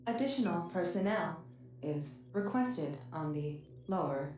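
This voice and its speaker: A soothing female ship computer speaks in a low, unhurried tone. Her announcements come from far off and ring through a heavily echoing space. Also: expressive, a little mellow, soft background music. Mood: calm. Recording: echoey, distant game audio.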